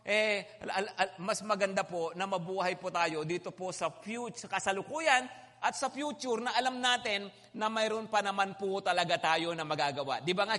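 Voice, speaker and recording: High bright-voiced male preacher, reverberant. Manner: polite, peppers talk with tag questions. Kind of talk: conversational sermon. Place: Manila. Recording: hall reverb.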